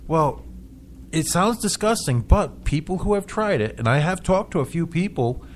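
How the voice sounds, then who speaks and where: A man's voice: fairly high pitch, expressive, moderate pace, a little hiss or hum. A man hosting a casual local radio talk show, chatting with frequent stumbling restarts and chuckles.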